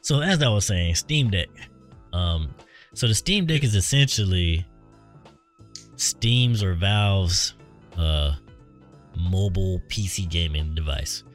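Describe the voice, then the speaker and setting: Lively low-voiced man hosting casual chat. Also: takes it slowly, long pauses, faint music behind. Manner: animated, laughing, slangy. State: hiccups. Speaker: podcast host.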